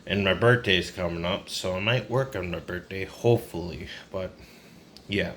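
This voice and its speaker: A man's voice: low-pitched, moderate pace, fairly bright tone. A man in his twenties talking in a casual, rambling personal vlog, downcast, burned-out and confiding. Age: 20s. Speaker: vlogger. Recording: noisy ambient background.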